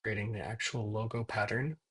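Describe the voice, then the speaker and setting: A man giving a casual software tutorial, thinking aloud as he works at his computer. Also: on the low side, fairly even intonation, breathy edge. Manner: thinks aloud while typing, dictating prompts in slow pieces. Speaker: software demo presenter. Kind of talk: casual screen-recorded tutorial narration.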